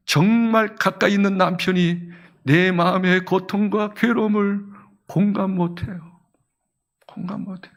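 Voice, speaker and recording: A man's voice: extremely high pitch, fairly bright tone. A male senior pastor delivering an emotional sermon in a church sanctuary. He acts out the people in his story with rising, tearful cries and keeps asking the congregation questions. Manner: asks the congregation rhetorical questions.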